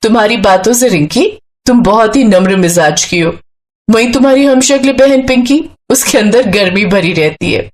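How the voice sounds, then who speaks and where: Woman voicing a calm young bride, patient, reasoning, storybook figure. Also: mid-range voice, moderate pace, natural voice. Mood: kind.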